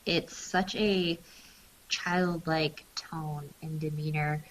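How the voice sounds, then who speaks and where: A woman's voice: low voice, steady tone, takes it slowly, a little hiss or hum, low-quality recording. A woman co-hosting a true crime podcast, adding reflective comments and agreeing with her partner. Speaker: podcast co-host.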